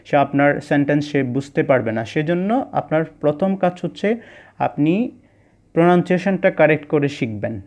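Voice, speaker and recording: A man teaching an online English lesson, explaining slowly, repeating words for pronunciation practice and mixing English phrases into his talk. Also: fairly high pitch, darkish tone. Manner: mixes English phrases into Bengali speech.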